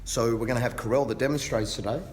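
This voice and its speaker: A man gives instructional exercise cues in a careful, unhurried, encouraging way at a medium pitch. His voice sits away from the mic in a big echoing space, with noise behind it. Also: steady tone. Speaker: fitness instructor. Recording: distant mic, reverberant hall, background noise.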